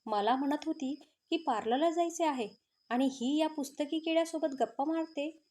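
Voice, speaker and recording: A woman's voice: sits high, normal speed, mellow, pitched above the performer's own voice, lightly acted. A woman voicing a jealous, hot-tempered young man who snaps and taunts. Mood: angry. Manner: angry, taunting.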